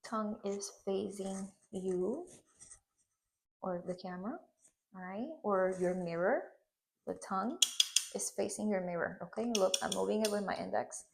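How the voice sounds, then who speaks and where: Her voice sits in the mid-range, somewhat mellow and edged with vocal fry, and she keeps a measured pace. She is a Spanish-speaking woman from Puerto Rico in her thirties, with a Puerto Rican accent, teaching a hands-on hair tutorial and checking in regularly with "okay?".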